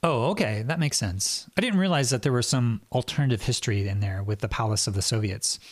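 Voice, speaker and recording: A male interviewer with a medium-pitched voice asks thoughtful, appreciative questions. The recording is dry and close. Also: a little fast, no room sound.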